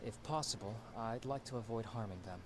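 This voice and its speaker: An actor playing a proud, skeptical young soldier in a video game, curt and dismissive. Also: male voice, lowish voice, brisk, a little hiss or hum, natural voice. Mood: serious. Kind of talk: dramatic game voice acting.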